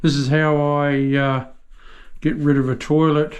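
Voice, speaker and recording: A man's voice: on the high side, level tone, clean tone. A middle-aged man with an Australian accent, chatting casually as he shows a tiling job. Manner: chatty, slow, folksy Aussie slang. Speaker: tiler. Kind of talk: casual how-to video.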